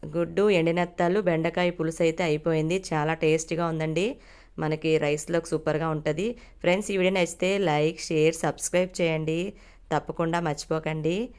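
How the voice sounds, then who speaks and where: A woman's voice: lowish voice, fairly even intonation, normal speed, darkish tone, smooth. A woman hosting her cooking channel, casually narrating a recipe step by step in a friendly, polite way.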